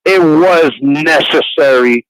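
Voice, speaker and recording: A man in his twenties from New York City calls in by phone to chat casually, rambling, restarting often, and laughing easily. His voice is fairly high, slow, and fairly bright, on a dry, low-quality recording.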